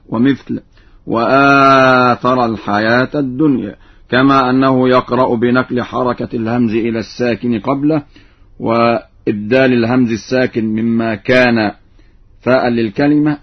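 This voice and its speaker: A middle-aged man giving a formal recitation lesson, explaining in a measured voice and chanting each example slowly and melodically. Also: medium pitch, breathy edge. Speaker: Quran recitation scholar. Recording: dull archival radio broadcast.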